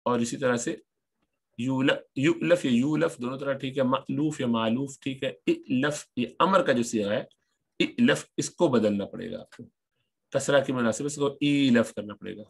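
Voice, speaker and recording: A man's voice: medium pitch, a little slow, gravelly, husky. A man teaching an Arabic grammar lesson, patiently repeating each word form as he explains it.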